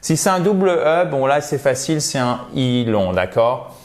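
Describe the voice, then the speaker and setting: A man's voice: mid-range voice, sing-song. Encouraging male pronunciation teacher. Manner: slow, drawn-out English model words; encouraging, addresses viewers directly. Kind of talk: video lesson.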